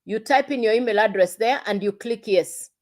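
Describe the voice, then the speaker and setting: A woman's voice: on the high side, moderate pace, darkish tone. A woman selling an online business on a livestream, talking straight to viewers and repeating herself to coax them. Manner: repetitive, coaxing, addresses viewers directly. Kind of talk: casual livestream pitch.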